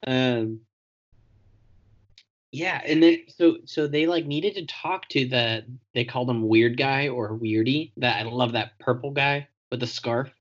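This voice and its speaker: A man in a relaxed, unhurried conversation, talking through a story with lots of "like" and "um." His voice sits in an ordinary middle range. The sound is slightly dull and lo-fi. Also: mid-range voice. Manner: laid-back, laughs often, recaps plot with fillers. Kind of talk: casual chat.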